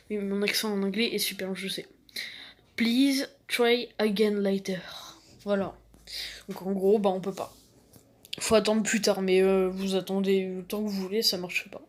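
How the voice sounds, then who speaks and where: A woman's voice: medium pitch, slight background noise. A woman hosting a casual game tutorial, rambling with lots of fillers and self-deprecating asides. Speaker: gaming tutorial host.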